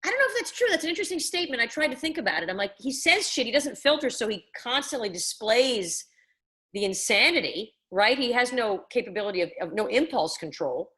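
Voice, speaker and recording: Brief: tipsy female host, rambling and slightly slurred, bright and lively, swoops high. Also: fairly quick. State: tipsy from wine. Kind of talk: rambling live stream monologue.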